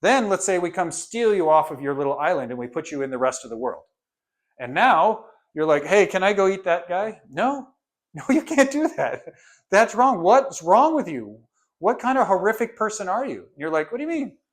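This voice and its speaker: A man's voice: high voice, very animated, normal speed. A man teaching a course in a casual, conversational lecture, firing off rhetorical questions and briefly acting out what his students or parents might say. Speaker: course instructor.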